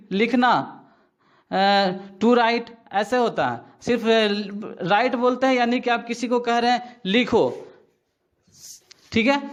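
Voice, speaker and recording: A male teacher explaining a grammar lesson to his students. He keeps checking in with tag questions and repeats his own answers back to them. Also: very high-pitched.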